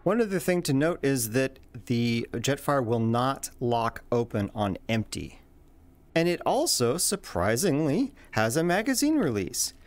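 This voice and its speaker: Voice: mid-range voice, very animated, measured pace. A host giving casual, jokey commentary over a video game, playful and given to exclamations. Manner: playful, exclaiming, swearing at slips.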